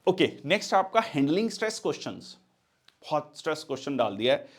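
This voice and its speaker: A man teaching interview body language, mixing Hindi and English and filling pauses with "theek hai" as he demonstrates gestures. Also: fairly high pitch, sing-song. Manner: demonstrates gestures while explaining. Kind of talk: interview coaching lecture.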